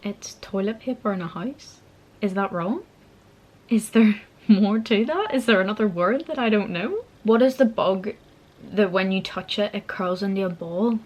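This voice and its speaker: A young woman from Belfast, Northern Ireland, explains local slang in a casual vlog, giggly, informal and self-deprecating. Her mid-range voice has a darkish tone and normal speed, with slight background noise.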